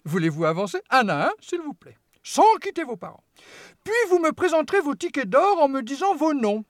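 A sprightly little chocolate-maker, full of mischief and show, played by a woman. He gushes over every guest with wild swoops up and down, sitting a touch high in pitch. The storybook recording is close and dry. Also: sing-song, brisk, dry recording. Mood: exuberant. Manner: gushing, theatrical welcomes with sudden swoops in pitch. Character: small, lively, mischievous male chocolate-maker. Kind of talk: audiobook character voice.

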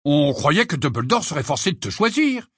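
A man's voice: fairly high pitch, expressive, moderate pace, no echo, voice pushed up. A man voicing a dry, indignant teenage wizard boy in an audiobook. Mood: wry.

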